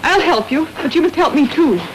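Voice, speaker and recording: A plucky young amateur sleuth in a 1930s radio play, brisk and bossy as she takes charge. Her voice sits a little high. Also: expressive, background noise.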